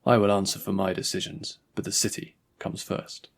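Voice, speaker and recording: A stern, proud captain of the city guard who speaks firmly and tersely, read by a man. The voice is low, gravelly and husky, and it sits in the narrator's own quiet register. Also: level tone, normal speed.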